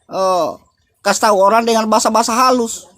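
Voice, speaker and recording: A man's voice: sits high, steady tone, fast talker, a bit bright, no room sound. An older man from Indonesia in an angry, repetitive rant, scolding and preaching.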